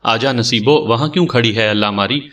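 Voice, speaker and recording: A man's voice: medium pitch, fairly bright tone, recorded from a distance, lightly acted. A chatty, bossy eunuch calling out in brash, teasing scolds, voiced by a male narrator. The tone sits only a little above the reader's own. The voice sounds slightly away from the microphone. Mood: excited calling.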